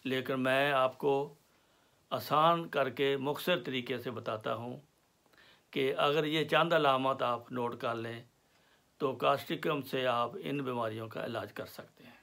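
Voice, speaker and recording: With a gravelly fry in his medium-pitched voice, a man teaching homeopathy walks through remedies in a slow, explanatory lecture. He takes his time listing symptoms, moving deliberately, pausing often and filling the silences with soft fillers.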